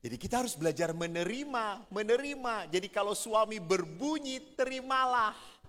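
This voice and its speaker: Priest man joking around in a sermon, bright voice, big echoey church hall. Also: high-pitched, normal speed. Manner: animated, joking, playful storyteller. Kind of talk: humorous sermon to married couples. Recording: reverberant church hall, faint ambience.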